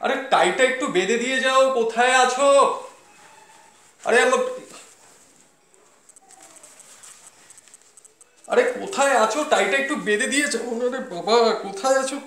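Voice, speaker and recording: An actor playing a flustered, penny-pinching office-going husband in a comedy sketch, calling out frantically and complaining indignantly. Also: male voice, very high voice, a little fast, bright, forceful tone. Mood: frantic. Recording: echoey room.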